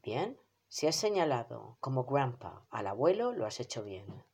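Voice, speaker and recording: Slow, singsong teacher. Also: mid-range voice, big pitch swings, gravelly, darkish tone, slightly rough. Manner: patient, repeats each word slowly for the child; encouraging, praises often. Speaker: English teacher for children. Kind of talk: children's vocabulary lesson.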